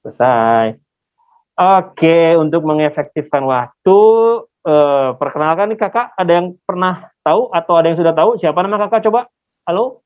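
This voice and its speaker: Over a video call that sounds muffled and phone-like, a man with a fairly high voice hosts an online class at a normal pace. He speaks through a face mask in a chatty, interactive way and often asks listeners to confirm things.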